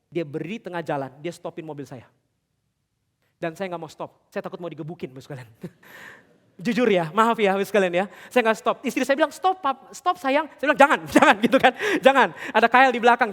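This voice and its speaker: Male pastor, middle-aged, sermon delivery; high register, roomy hall reverb, shifts between fervent and hushed. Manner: swings from loud, high preaching to quiet, confiding storytelling; addresses the congregation directly with questions. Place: large church hall. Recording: long church hall reverb.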